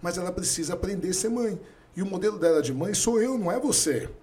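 A Brazilian man in his thirties in casual conversation, telling lively stories about his family. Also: sits high. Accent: Brazilian Portuguese. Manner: fast, animated storyteller.

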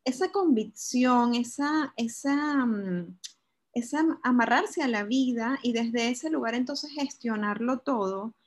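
A woman's voice: a little high, animated, slow pace. A woman co-hosting a talk, encouraging and addressing the listener directly. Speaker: co-host. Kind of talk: conversational talk.

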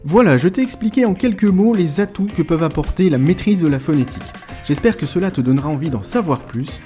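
A man explaining pronunciation in a scripted lesson, speaking directly to the listener in a clear, explanatory way. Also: fairly high pitch, expressive, fast, warm tone, soft background music. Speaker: language teacher.

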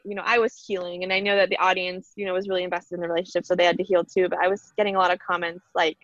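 A woman's voice: on the low side, level tone, racing, a bit bright, dry recording, lo-fi sound. A woman chatting as a podcast guest, bubbly and talkative with lots of fillers. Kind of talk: casual interview chat.

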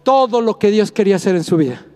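A man, a pastor, preaching a sermon to his congregation, mixing jokey asides with repeated shouted emphasis. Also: high voice, animated, quick pace, soft background music.

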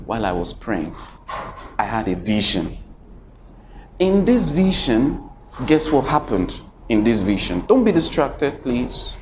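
Brief: animated male preacher, lively pitch, sermon style, muffled recording with faint room ambience. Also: slight background noise. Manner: dramatic, swings from loud to hushed, asks the congregation questions.

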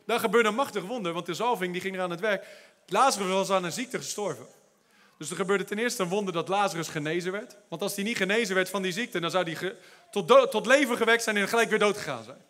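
High, bright-voiced preaching man. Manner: animated preaching with laughs and English phrases; builds to shouted exhortation. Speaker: pastor. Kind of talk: sermon.

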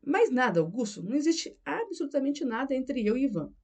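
A woman's voice: sits high, sing-song, fairly quick, darkish tone, slightly rough, pitched above the performer's own voice, heavily acted. A woman reading as a defensive, conflicted wife. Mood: emotional. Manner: defensive, pleading denials. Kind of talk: audiobook character reading.

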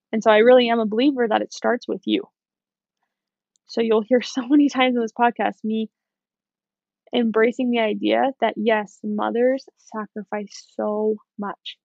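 A woman's voice: mid-range voice, creaky, dry recording, narrow, tinny audio. A young woman hosting a podcast, talking in an earnest, encouraging, casual way and laughing now and then. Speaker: podcast host. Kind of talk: casual self-help podcast talk.

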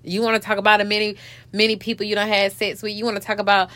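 A woman's voice: mid-range voice, level tone, rapid-fire, pushed and bright, no echo. Profane, choked-up woman podcast host. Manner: candid, profane street talk. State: choked up, hiccuping. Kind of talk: emotional podcast monologue.

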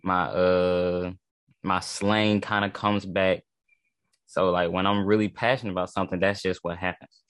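A man in casual discussion, talking in a halting, slangy way and circling back over his phrases as he works out his point. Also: low-pitched, level tone, fairly bright tone, smooth, dry recording.

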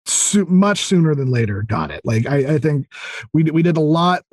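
An enthusiastic audio drama creator, appearing as a podcast guest, chats casually in an interview, rambling and often restarting or repeating words. His voice is a little high with lively intonation at a normal speed, recorded at studio quality with no room sound.

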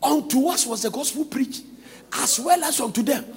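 High, singsong preacher with a gravelly voice. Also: male voice, expressive, moderate pace, big-room sound. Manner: singsong, shouting, laughing preaching. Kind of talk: sermon.

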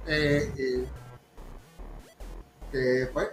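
A man's voice: medium pitch, level tone, extremely slow. A man with a Puerto Rican accent in a casual podcast debate, argumentative and insistent, often repeating himself. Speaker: podcast panelist. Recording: roomy echo, music behind.

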